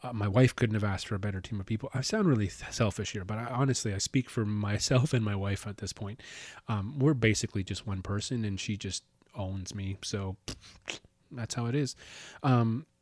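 Male podcast host, casual storyteller, low voice, rambling delivery. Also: moderate pace, darkish tone, no room sound. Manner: rambling, with many restarts and casual swearing.

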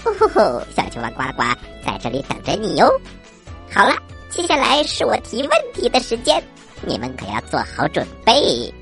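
A woman voicing a cheerful little frog quiz host for children in a playful, cartoonish frog voice with croaks. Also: mid-range voice, huge pitch swings, moderate pace, soft background music. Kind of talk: children's story show quiz segment.

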